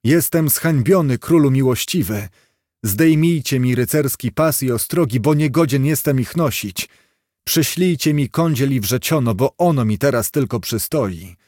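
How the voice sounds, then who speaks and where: A man's voice: medium pitch, lively intonation, moderate pace, a little mellow, no echo, studio quality, natural voice. A man voicing a proud, angry veteran knight who speaks scornfully in an audiobook story. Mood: shamed. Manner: scornful, threatening.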